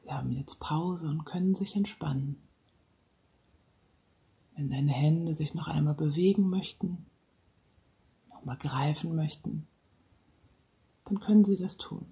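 Relaxation guide for a calming session: very slow, soft delivery with some whispered lines, low gravelly texture.

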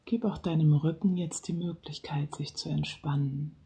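A relaxation guide speaking softly and slowly, sometimes dropping into a whisper, leading a guided relaxation. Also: medium pitch, fairly even intonation. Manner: slow, soft-spoken, partly whispered.

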